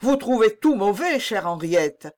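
An ardent young king pleads with mounting passion, read by a woman narrator. The delivery is slow and deliberate, with pitch that rises and falls broadly. Heard as an audiobook reading. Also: big pitch swings, darkish tone. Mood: pleading. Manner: impassioned, exclaiming.

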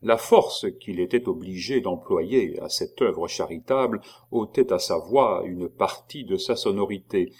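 Un homme qui lit un roman classique d'un ton posé et régulier. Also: male voice, fairly low pitch. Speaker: audiobook narrator. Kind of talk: classic novel reading.

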